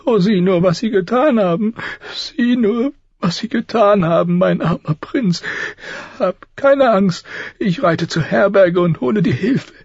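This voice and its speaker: A man voicing a frantic, tearful young girl of noble birth who cries out in shrill pleas. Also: measured pace, a little mellow, no room sound, lo-fi sound.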